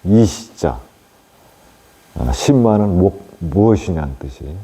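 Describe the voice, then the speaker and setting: A male Buddhist monk giving a plain, unhurried dharma talk on meditation to lay listeners, with many fillers and tag questions. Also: sits low, animated, mellow, breathy edge, rough recording.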